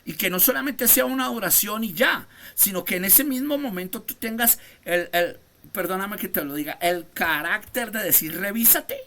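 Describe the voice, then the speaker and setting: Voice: mid-range voice, expressive, normal speed, sharp tone. An apostle teaching a Bible class over a video call, preaching with fervor, asking the students rhetorical questions and calling on them by name. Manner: emphatic, calls on listeners by name, rhetorical questions. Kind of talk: fervent preaching lesson to students.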